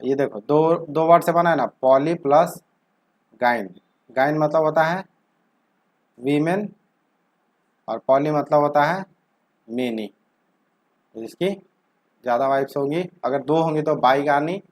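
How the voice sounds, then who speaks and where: A young man with a slightly higher voice explains vocabulary, working through word roots. He poses a question, answers it himself, and often stretches a word slowly as he says it. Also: darkish tone. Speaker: vocabulary teacher. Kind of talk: explanatory lesson with questions to the viewer.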